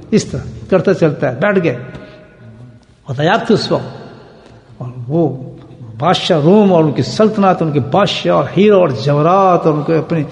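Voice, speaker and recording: A man preaching a sermon at a remembrance gathering, firing rhetorical questions and swinging from loud emphasis to hushed asides. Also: high voice. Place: gathering hall. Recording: echoey hall with long reverb.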